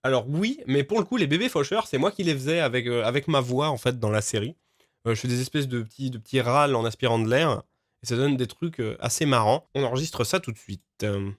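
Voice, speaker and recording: A man casually explaining, in a relaxed way with frequent fillers, how he records voices for his game. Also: mid-range voice, brisk, no room sound, studio quality. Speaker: game developer and voice actor.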